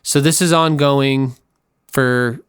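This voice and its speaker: A man's voice: medium pitch, steady tone, takes it slowly, clear, resonant tone, dry recording, clean studio sound. A man hosting a podcast, talking candidly and animatedly in a casual chat. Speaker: podcast host.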